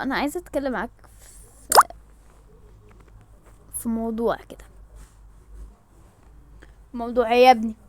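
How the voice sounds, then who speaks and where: A woman with an Egyptian accent acts out every part of a home-made doll story. Her voice is high, and she switches lively and emotionally between characters. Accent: Egyptian Arabic. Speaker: storyteller voicing all characters.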